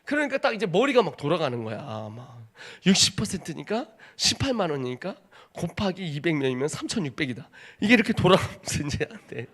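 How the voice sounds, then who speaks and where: A man in his thirties, a missionary preacher, telling a personal testimony in a sermon with dramatic storytelling, dropping to a hush and rising to shouts. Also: a little high, very animated, fairly quick, few pauses. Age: 30s. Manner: dramatic storytelling, acts out voices, swings from hushed to shouting.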